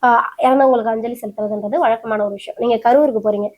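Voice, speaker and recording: A woman interviewer with a high voice speaks rapidly. She presses her question again and again and interrupts to hold her ground. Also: fairly even intonation, warm tone. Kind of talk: heated debate interview.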